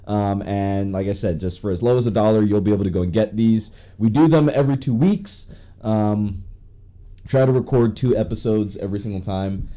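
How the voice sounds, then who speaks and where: A man's voice: on the low side, mellow. A man hosting a podcast in casual chat, rambling with many restarts and fillers. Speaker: podcast host.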